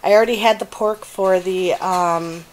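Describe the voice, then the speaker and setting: A woman's voice: mid-range voice, fairly even intonation, unhurried, slight background noise, low-quality recording. A middle-aged woman chatting casually through a grocery haul in her home kitchen, listing items with fillers as she goes, filmed on a handheld phone. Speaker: vlogger. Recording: plastic bags crinkling in the background.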